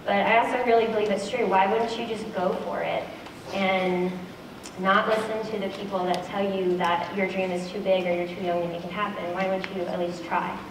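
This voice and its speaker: Speaking a little fast in a steady, medium-pitched voice, a twenty-something woman delivers an earnest, candid conference talk on a headset mic, often restarting and saying um. She's on a big auditorium stage, heard from a distance in an echoey hall with background noise.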